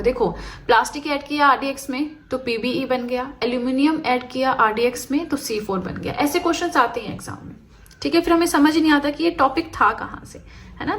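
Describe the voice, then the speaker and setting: A woman's voice: a little high, a little hiss or hum. A woman teaching an exam-prep chemistry lecture, explaining step by step and checking in with her students.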